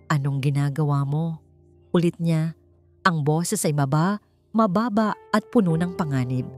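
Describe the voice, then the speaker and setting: With music under her voice, a woman narrates a scripted romance drama in a low, slightly mellow voice. Her storytelling is solemn and emotive.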